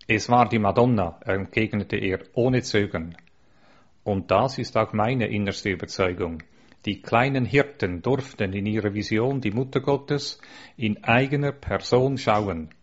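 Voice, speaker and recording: A male narrator with a lowish voice reads a religious account aloud, delivering the devotional text in an earnest, measured way. The recording is dull and lo-fi.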